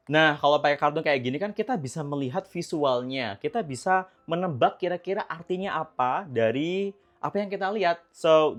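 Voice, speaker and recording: A young woman giving casual, chatty, encouraging English-learning tips in a vlog. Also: deep voice. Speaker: English tutor vlogger.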